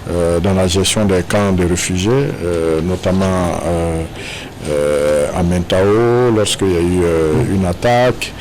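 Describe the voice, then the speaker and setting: A man's voice: deep voice, slow, a little mellow. A man, a government official, answering an interview with many hesitations and fillers. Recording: background noise.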